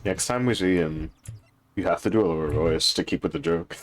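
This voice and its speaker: A man's voice: low voice, a little fast. A man streaming, reading a game's lines aloud and joking with his co-players. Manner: relaxed, joking between read lines. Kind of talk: casual voice acting stream.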